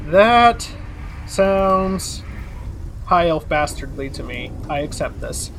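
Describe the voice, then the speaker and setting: Man game master, laid-back, laughs a lot, slightly high voice, faint hiss. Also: big pitch swings, takes it slowly. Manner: laughing, easygoing, distracted by tech. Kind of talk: running a live-streamed tabletop game.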